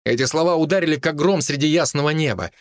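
A man's voice: fairly high pitch, fast talker, dry recording. Man narrating an audiobook, dry close sound. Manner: steady, earnest storytelling. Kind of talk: scripted first-person narration.

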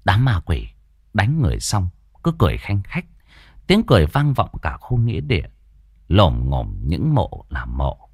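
A man's voice: low voice, a little mellow, no echo, studio quality. A man narrating a ghost story in a dramatic, suspenseful way.

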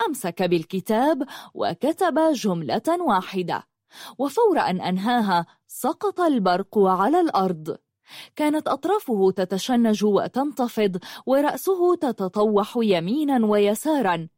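A woman narrates a dramatic action story with vivid, expressive delivery. Her pitch swings with lively movement. The recording is dry and close. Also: normal speed, no echo.

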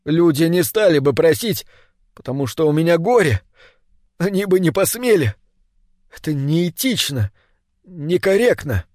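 A man reading an audiobook, voicing a wounded man who shouts through his tears and defends himself. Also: on the high side, no room sound, clean studio sound, close to an everyday voice. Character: wounded desperate man, crying and defiant.

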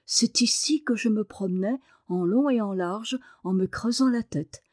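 A woman reading aloud and voicing a solemn little girl who speaks in a hushed half-whisper. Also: mid-range voice, measured pace, no echo, clean studio sound, close to an everyday voice. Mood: secretive.

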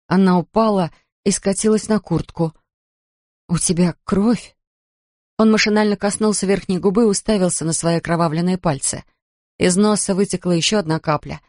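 An audiobook reader narrating a novel in a calm, even, measured way. The voice sits at a middle pitch. The recording is dry and close. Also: no room sound.

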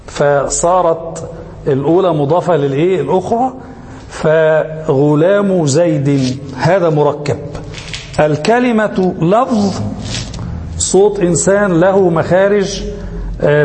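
A man teaching Arabic grammar as a sheikh, who pauses on a question and lets his listeners finish the word, repeating key terms slowly. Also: on the high side, a little mellow, in a large hall, slight background noise. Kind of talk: classroom lecture.

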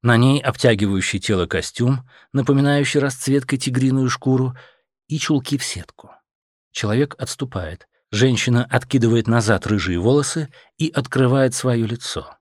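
A man narrating an audiobook in an expressive way. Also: medium pitch, moderate pace, no echo, clean studio sound.

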